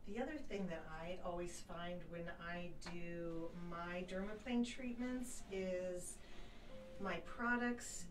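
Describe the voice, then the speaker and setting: A woman's voice: fairly low pitch, slow pace, over music. A woman in her forties casually presenting a live video as its host. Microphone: handheld camera a few feet away. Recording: roomy, distant mic, noisy background.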